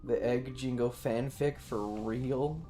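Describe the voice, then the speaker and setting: A man with a medium-pitched, steady, dark voice speaks slowly while live streaming a game. He chats casually in a rambling, sweary way, with game music playing in the background.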